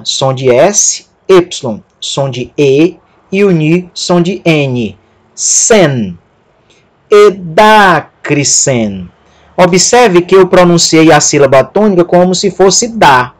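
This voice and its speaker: A man teaching a recorded lesson, spelling out letters one by one in a slow, methodical way. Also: a little high. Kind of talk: recorded lecture over written slides.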